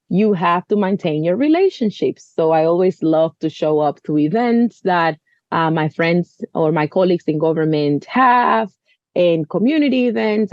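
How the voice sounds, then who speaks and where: A woman's voice: sits low, no echo, dull audio. A woman in her thirties from the Dominican Republic, speaking earnestly as an interview guest, often saying "you know.". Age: 30s. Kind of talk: conversational interview.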